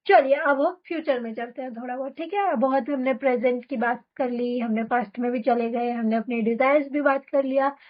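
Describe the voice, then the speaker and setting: A woman teaching a German lesson, explaining quickly and then reading example sentences very slowly for learners to repeat. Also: high-pitched, dull audio. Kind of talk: spoken language lesson with drills.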